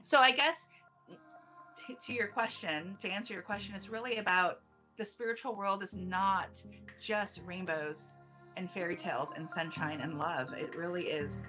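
A woman's voice: on the low side, moderate pace, bright, forceful tone, faint music behind. A woman speaking as a numerology guest in a casual podcast interview, chatty, restarting her sentences and laughing easily.

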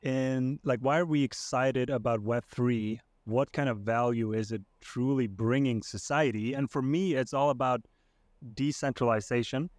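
A man from Iceland, a podcast guest, talking casually and thoughtfully with many pauses and restarts. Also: mid-range voice, a little mellow, no echo, clean studio sound. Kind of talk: casual conversation.

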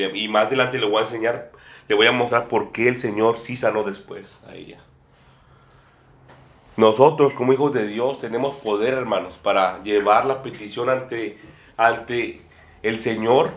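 A man preaching a sermon to a small congregation, often repeating phrases and calling his listeners brother and sister. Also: lowish voice. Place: church room with a table and a small congregation. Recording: echoey room.

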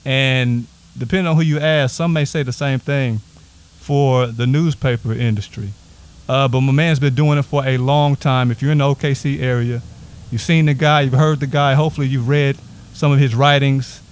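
A man hosting a podcast from a house, talking loose and hyped with plenty of shout-outs. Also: medium pitch, steady tone, normal speed, smooth. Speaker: podcast host. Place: a house set up as a home studio.

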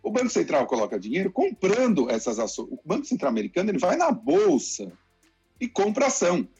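A Brazilian man explaining the economy to listeners in a lively, conversational way, acting out what people say. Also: high-pitched, a little fast, vocal fry, husky. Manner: lively explainer, acts out quotes. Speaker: economic commentator. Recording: dull lo-fi sound with faint music.

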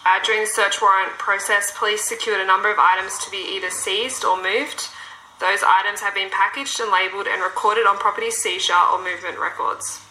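A woman's voice: mid-range voice, steady tone, fairly quick, pushed and bright. Policewoman on an old interrogation tape. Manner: procedural, reads set questions with fillers. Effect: played-back police interview recording. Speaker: police constable. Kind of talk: formal recorded police interview. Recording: echoey room with faint background noise.

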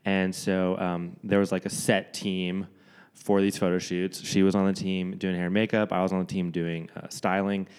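A man's voice: low voice, little pitch movement, normal speed, a little mellow, clear, resonant tone. A young man from Dallas, chatting easily as a podcast guest with lots of fillers. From Dallas, Texas. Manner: laid-back, rambling with fillers. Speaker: guest, singer-songwriter. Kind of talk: casual interview chat.

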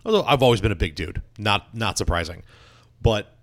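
A man's voice: lowish voice, lively intonation, fairly quick. A young man telling self-deprecating stories in a casual chat, with many restarts and laughs.

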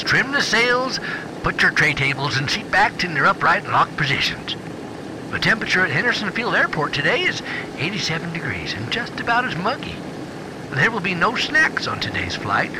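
A man voices a folksy bomber crewman who jokes like a mock airline announcer, his high voice bouncing all over the place. A loud, rumbling engine noise runs underneath him. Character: jovial wartime bomber crewman, joking man. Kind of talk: radio drama acting.

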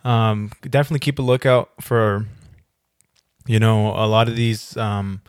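A man's voice: fairly low pitch, fairly even intonation, measured pace, clear, resonant tone, no room sound. Young guy cohosting a podcast, jokey, swears a lot, dry close mic. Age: young adult. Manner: loose and joking, swears, laughs often. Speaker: podcast co-host. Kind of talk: casual podcast chat.

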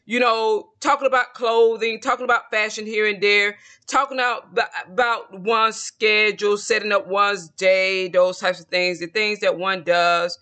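His voice is high with a sharp edge. The tarot creator, a man in his late forties, delivers a casual, self-assured monologue to camera that wanders and keeps returning to the same points.

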